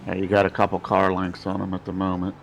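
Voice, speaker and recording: A low, gravelly man works as a race spotter over radio chat. He gives terse, repeated position calls and easygoing encouragement, with faint vehicle noise behind him. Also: completely flat delivery, fast.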